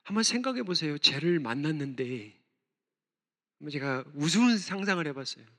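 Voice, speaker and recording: Pastor, male, high bright voice preaching with passion in a church hall with long reverb. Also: animated, fairly quick. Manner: impassioned, voicing prayers aloud, rising and falling sharply. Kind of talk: sermon. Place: church sanctuary.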